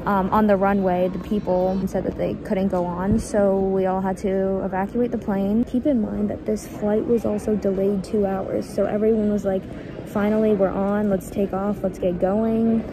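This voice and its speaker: A woman's voice: mid-range voice, flat delivery, moderate pace, noisy background. A young woman chatting casually to her handheld camera as she vlogs, explaining things with lots of "like". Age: young adult. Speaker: vlogger. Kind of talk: casual vlog narration. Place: busy airport terminal. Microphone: handheld camera at arm's length.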